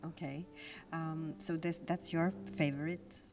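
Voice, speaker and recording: A woman's voice: sits low, fairly even intonation, unhurried, over music. A woman with a Bulgarian accent conducting an informal interview in English as a non-native speaker, searching for words as she goes. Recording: noticeable background noise.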